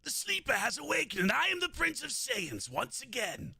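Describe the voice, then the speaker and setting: Arrogant anime prince, intense proud declarations, a man doing the voice; lively pitch. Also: moderate pace, creaky, husky, no echo, clean studio sound, exaggerated voice.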